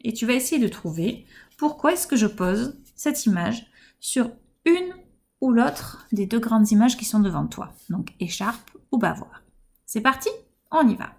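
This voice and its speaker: A kindergarten teacher with a French accent gives young children a home-school phonics lesson. Her voice is a little high with some vocal fry, and she speaks slowly, articulating each word and offering gentle encouragement.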